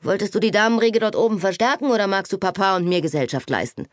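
A woman's voice: medium pitch, quick pace, dry recording, clean studio sound, lightly acted. A woman voicing an earnest, worried young husband in an audiobook. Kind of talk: audiobook character voice.

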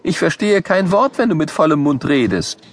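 A man's voice: on the high side, sing-song, moderate pace, voice pushed down. A man voicing a skeptical young schoolgirl. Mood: puzzled. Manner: skeptical, reasoning. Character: sensible, doubting schoolgirl.

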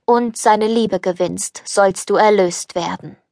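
A woman's voice: medium pitch, takes it slowly, creaky, a little mellow, no echo, studio quality. A woman reading an audiobook, voicing an old beggar woman who turns into a stern fairy, speaking solemnly.

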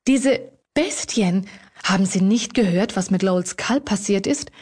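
A woman voicing a frightened older woman, the lady of a country manor, who pleads and sobs in a high-strung way. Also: a little slow, darkish tone, husky. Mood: anguished.

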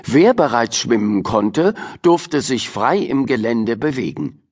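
Male audiobook narrator for kids' fiction: expressive, unhurried, husky. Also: mid-range voice. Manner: expressive storyteller reading. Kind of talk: scripted narration of a children's audiobook.

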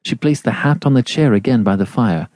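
A man's voice: mid-range voice, brisk, a little mellow, no echo. A man narrating a classic novel as an audiobook, shaping each phrase expressively.

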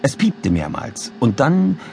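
A man narrating a children's audiobook in a lively, expressive reading, close to a studio mic. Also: medium pitch, slow, vocal fry, noisy background. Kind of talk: scripted children's story narration. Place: recording studio.

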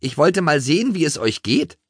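Excitable city mouse, high and shrill, a man acting her out for a kids' audiobook. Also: no echo, studio quality. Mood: restless. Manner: shrill, breathless, hurried.

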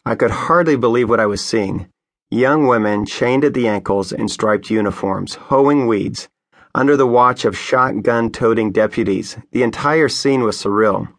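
A man narrates his own memoir with an earnest, conversational ease. His voice sits in an ordinary middle pitch. He speaks as a pastor recounting what happened to him, close to a studio microphone. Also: moderate pace. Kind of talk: memoir audiobook narration read by the author.

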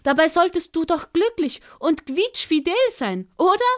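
A woman voicing a small, curious female parrot who speaks in a high, chirpy and eager way. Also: sing-song, moderate pace, a bit bright, full character voice. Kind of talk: children's audiobook character voice.

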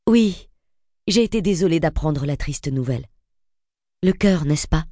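Audiobook: a woman voicing a self-assured, friendly woman in her forties, dark tone, lively. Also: deep voice, measured pace, no echo, studio quality. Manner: poised, friendly.

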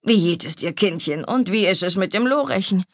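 A woman voicing a stout, older female cook who is bossy but motherly, fussing and scolding warmly. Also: mid-range voice, animated, fairly quick, no echo, clean studio sound.

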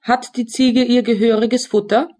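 A woman voicing an old, quick-tempered tailor and father in a children's audiobook, speaking sternly. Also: fairly high pitch, steady tone, dark tone, voice pushed up, natural voice. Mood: questioning.

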